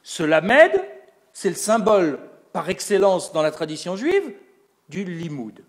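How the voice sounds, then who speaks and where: In a recorded lecture on religious texts, a man with a high voice and big pitch swings speaks a little slowly. He explains step by step, building an argument and posing rhetorical questions that he answers himself.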